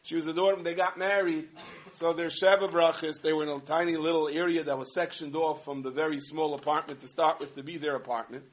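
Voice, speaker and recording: A man giving a humorous sermon, telling stories in an animated way with many asides. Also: fairly high pitch, fast. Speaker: rabbi giving a talk.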